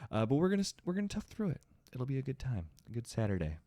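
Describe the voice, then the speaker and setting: A man hosting a storytelling show, reading a horror story aloud with a slight lisp from rubber bands in his braces, after a slow, dramatic opening and some rambling, casual chat. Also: medium pitch, wildly swooping pitch, dark tone, dry recording. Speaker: storytelling host.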